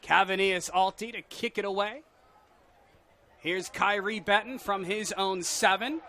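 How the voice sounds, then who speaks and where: A man's voice: high-pitched, a little slow, bright, forceful tone. An American man giving live play-by-play commentary on a football game. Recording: faint outdoor background noise.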